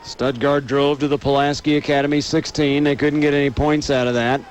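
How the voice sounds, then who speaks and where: An American radio announcer calls live football play-by-play in a slightly high, brisk voice. The broadcast comes from a noisy outdoor stadium, with steady ambient noise underneath.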